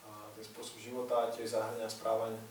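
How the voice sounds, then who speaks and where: A man interpreting a lecture line by line, with rapid flat delivery. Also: on the low side. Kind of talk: consecutive interpretation. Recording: echoey hall, distant mic, noisy.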